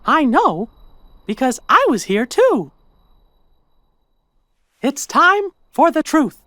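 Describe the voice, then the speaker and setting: Tiny cartoon mouse hero, high falsetto, animated intonation, earnest, kindly, game dialogue. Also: male voice, takes it slowly, heavily acted. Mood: earnest, gentle. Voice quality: falsetto, squeaky.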